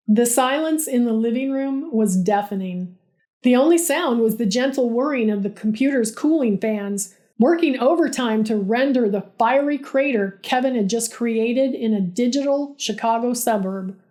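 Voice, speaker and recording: Woman storyteller, higher voice, sarcastic deadpan comic read. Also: normal speed. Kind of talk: scripted story narration.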